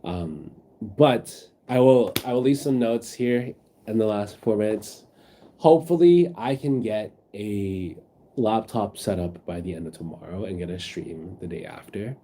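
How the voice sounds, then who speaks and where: A sick, sniffly man rambles through a casual stream chat, reading out his viewers' messages with plenty of ums and likes. His voice sits a little low and sounds mellow and soft-edged, picked up on a phone. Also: measured pace, slight background noise. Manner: rambling, reads chat aloud, many fillers.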